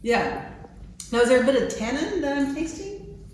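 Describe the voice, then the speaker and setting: A woman's voice: sits high, lively intonation, normal speed, a little mellow. A woman chatting casually as a fellow taster at a tasting. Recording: very echoey room, faint noise.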